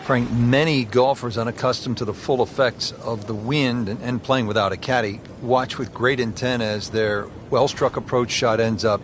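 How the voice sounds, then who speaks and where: A man's voice: mid-range voice, steady tone, normal speed, hardly any pauses. A man hosting a golf broadcast as the play-by-play commentator, calling shots and putts. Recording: outdoor crowd and ambient noise behind. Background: crowd and outdoor ambience.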